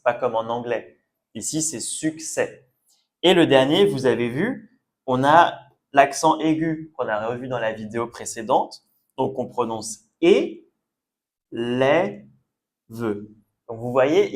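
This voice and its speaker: Male language teacher, patient and repetitive, unhurried delivery, mid-pitched voice. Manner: patient, repeats and checks understanding. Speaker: French teacher. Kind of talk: language lesson video.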